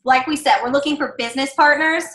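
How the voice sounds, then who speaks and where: A woman's voice: sits high, quick pace, a bit bright, roomy sound, a little hiss or hum, poor audio. A woman giving chatty, encouraging sales training to her team, with lots of fillers and asides. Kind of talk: casual coaching talk.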